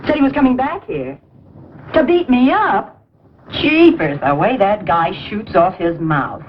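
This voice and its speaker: A woman's voice: mid-range voice, very animated, measured pace, slight background noise. An actress playing a brassy, slangy young woman in a 1940s film. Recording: muffled 1940s film soundtrack with score.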